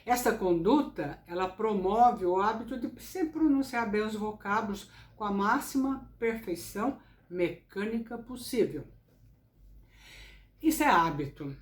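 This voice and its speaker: A woman teaching public speaking in a recorded lesson, speaking slowly and deliberately with careful articulation. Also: medium pitch, lively intonation. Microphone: camera. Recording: echoey room sound.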